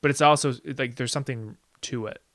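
A man's voice: medium pitch, a little fast, fairly bright tone, no echo, clean studio sound. A young man co-hosting a casual film podcast, chatty and jokey, full of "like" and "you know". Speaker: podcast co-host.

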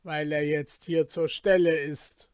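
A man voicing a stern, commanding male caliph in a read-aloud fairy tale, measured and authoritative. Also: on the high side, steady tone, smooth, no echo, clean studio sound.

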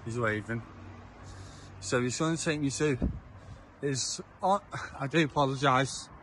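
A mid-range, somewhat bright voice comes through unhurried against slight background noise. The speaker is a young vlogger walking town streets at dusk, filming on a handheld phone, and his casual, somewhat tipsy commentary rambles and repeats itself.

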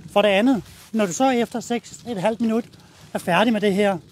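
Blunt high-voiced Danish dog trainer. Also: male voice, slight background noise. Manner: blunt, casual, addresses viewers while walking the dog. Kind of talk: outdoor training demonstration. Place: outdoors, walking a dog.

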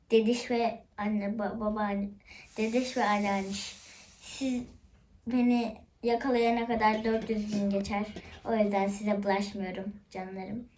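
A woman hosting a channel, chatting to viewers with frequent exclamations as she plays a game. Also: a little high. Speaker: gamer, channel host. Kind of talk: excited game commentary. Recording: faint background noise and clicks.

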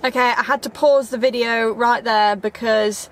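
A woman's voice: on the high side, fairly even intonation, normal speed. A woman in her twenties vlogging casually to a handheld camera in a garage workshop, chatty and upbeat. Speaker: car vlogger. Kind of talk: casual vlog narration. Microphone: handheld camera at arm's length.

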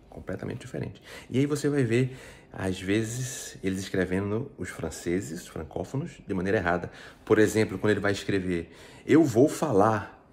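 A man's voice: deep voice, gravelly. A Brazilian man with a Brazilian Portuguese accent, explaining French pronunciation in a casual video lesson, checking in often with tag questions. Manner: chatty, explains step by step, frequent tag questions. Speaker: French teacher.

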